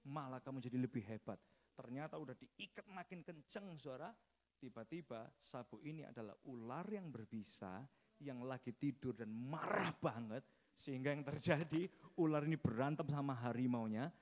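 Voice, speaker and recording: A man's voice: mid-range voice, animated, normal speed, darkish tone. A man preaching a sermon, telling a story and often addressing the congregation directly.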